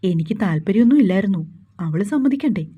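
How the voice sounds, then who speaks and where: A woman's voice: mid-range voice, expressive, fast, slightly rough, narrow, tinny audio. Woman doing a teasing young man. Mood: chatty. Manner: chatty, teasing. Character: cheerful joking young man, old friend.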